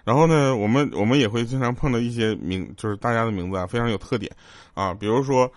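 A man's voice: mid-range voice, fast talker, no room sound. Chuckling male comedy radio host. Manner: chuckles often while telling jokes; quotes characters in raised, lively voices. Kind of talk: joke-telling comedy chat.

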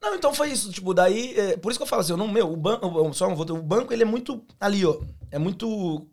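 Fast-talking Brazilian man with a gravelly voice. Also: high voice. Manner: animated storyteller, slangy, frequent restarts. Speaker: podcast guest, former bank teller. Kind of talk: casual chat.

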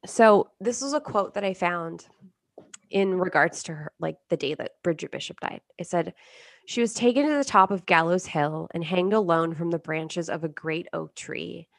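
A woman's voice: on the low side, normal speed, creaky, no room sound. Young woman, podcast host, casual history chat, joking, swears freely.

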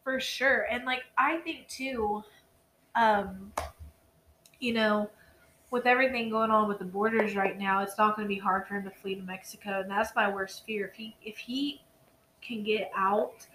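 A woman's voice: mid-range voice, steady tone, moderate pace, noisy background. A tired young woman co-hosting a casual true-crime podcast, rambling, swearing and restarting her sentences. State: tired, yawning. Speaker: podcast co-host.

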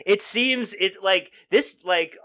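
A man's voice: high voice, takes it slowly, pushed and bright. A man in casual podcast chat, talking hesitantly with lots of "like" and laughing often. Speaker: podcast co-host.

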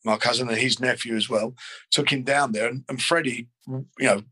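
Older man, husky and close-miked, rambling guest recalling the past. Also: medium pitch, fairly even intonation, normal speed, sharp tone, no echo, poor audio. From London. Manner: rambling, frequent restarts and fillers. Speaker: boxing promoter. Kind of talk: interview, reminiscing.

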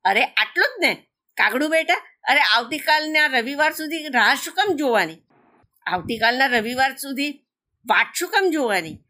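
A jolly papa crow from a children's tale coaxes and teases in a lifted, bright voice, played by a woman storyteller. He talks in a playful, cajoling way. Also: lively intonation, normal speed. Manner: cajoling, teasing, higher than her narration. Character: jovial, wheedling father crow.

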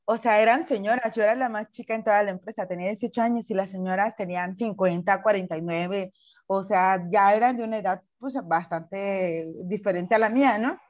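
A young woman with a Mexican Spanish accent, co-hosting a casual podcast chat and telling animated stories with acted-out quotes. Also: mid-range voice, a little fast, lo-fi sound. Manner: animated storytelling, acts out quotes. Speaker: podcast co-host.

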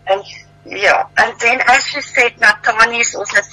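Brief: female guest, bright tense tone, phoned-in radio interview, chatty and hesitant. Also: on the high side, moderate pace, rough recording. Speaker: artist guest.

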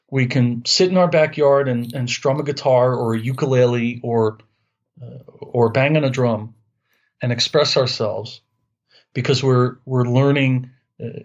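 A man in his fifties with a New York accent, from Long Island, speaks in a mid-range voice on a muffled recording. He's an earnest interview guest in a conversational exchange, often repeating words as he hunts for the right phrasing.

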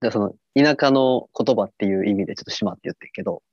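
This is a man speaking with a Kansai accent in a relaxed comedic chat. He teases his co-host with quick comebacks. The sound is dry and a little dull, as in a lo-fi home podcast. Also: fairly low pitch, no echo. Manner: joking, teasing, quick comebacks.

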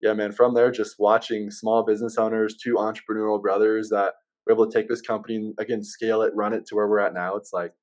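A man's voice: fairly low pitch, level tone, fast talker, darkish tone. A man speaking casually as an interview guest, explaining things in an easygoing salesman manner. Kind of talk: casual chat.

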